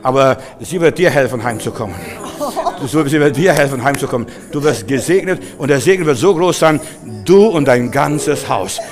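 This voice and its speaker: A man preaching at a church service, fervently repeating hallelujahs and blessings, shifting between loud proclamation and low, close speech. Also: lively intonation, fairly quick, in a large hall, soft background music. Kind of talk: charismatic prophetic preaching.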